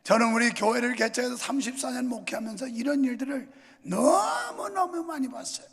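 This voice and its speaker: An older male pastor delivers a sermon, joking at first and then fervently exhorting his congregation. His voice is high, gravelly and husky, with a fairly bright tone and a brisk pace. A long reverb follows his words through a large church sanctuary.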